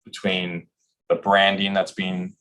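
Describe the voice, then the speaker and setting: A man's voice: sits low, completely flat delivery, slow, fairly bright tone, a little hiss or hum. A man talking casually in a discussion, easygoing, with lots of "like" and "um" fillers. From Ireland.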